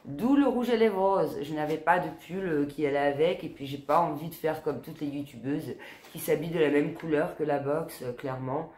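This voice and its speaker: A tired woman in her forties with a deep, raspy smoker's voice and a blocked, nasal nose chats casually to camera at a moderate pace while unboxing a beauty box. She's informal and talkative, tagging her sentences with "quoi" and "hein." The room sounds echoey and roomy.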